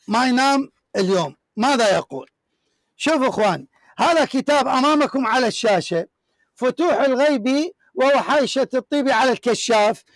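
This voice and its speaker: A man's voice: very high-pitched, no echo. A man hosting a heated religious debate, reading from books in an emphatic, repetitive, declaiming way. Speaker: show host debating a caller.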